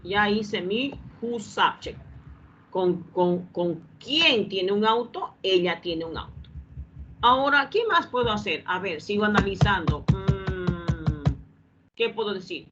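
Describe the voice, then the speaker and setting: A woman explains English grammar to a class in an animated, mid-range voice, speaking a little slowly. Patiently, she repeats each step and asks if the class has understood. The audio is lo-fi and dull with a faint hum.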